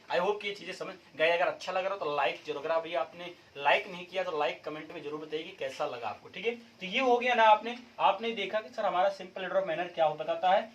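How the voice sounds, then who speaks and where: A man's voice: high voice, distant mic, slight background noise, rough recording. A man teaching English grammar in a video lesson, mixing in English terms and asking the viewer questions again and again. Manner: repeats rhetorical questions to the viewer; mixes English terms into explanation. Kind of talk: classroom-style video lesson.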